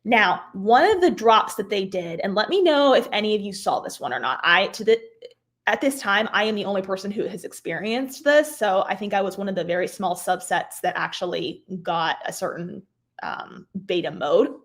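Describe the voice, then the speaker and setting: Hoarse-edged woman hosting a live tutorial. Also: mid-range voice, expressive, normal speed. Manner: chatty, filler-heavy, explains step by step. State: losing her voice, clearing her throat. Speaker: craft software instructor, livestream host. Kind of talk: casual live software tutorial.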